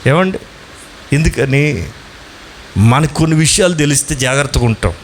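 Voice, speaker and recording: A man preaching a Sunday sermon as pastor, putting questions to his listeners and pressing them to answer, drawing some lines out slowly and rushing through asides. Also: mid-range voice, expressive, a little hiss or hum. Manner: asks the congregation questions and urges answers; swings between slow emphatic lines and fast asides.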